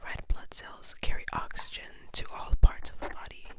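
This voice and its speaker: A woman's voice: normal speed, natural voice. A woman whispering the lines of a studious, know-it-all schoolgirl from a storybook, in whispered role-play. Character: studious schoolgirl who cites research.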